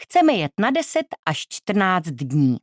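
A woman's voice: lowish voice, wildly swooping pitch, dry recording, studio quality. A woman voicing a decisive middle-aged aunt who speaks firmly and emphatically in a storybook reading. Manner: firm, emphatic.

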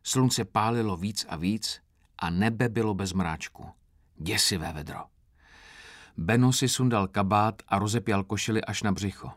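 A man calmly narrating a novel in the first person with a wry tone. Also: on the low side, no echo, studio quality. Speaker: audiobook narrator.

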